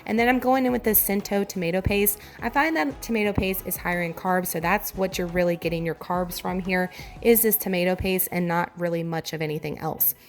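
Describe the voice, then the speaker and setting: Hoarse, chatty Southern US woman, voice giving out. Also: on the low side, steady tone, a little fast, soft background music. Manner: chatty, enthusiastic, addresses viewers directly. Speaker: home cooking vlogger. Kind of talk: casual meal prep voiceover.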